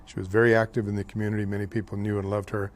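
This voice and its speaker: Low and monotone, this older local talk show host talks in a halting way, dropping many fillers and tripping over names, and he turns louder and more heated whenever politics comes up.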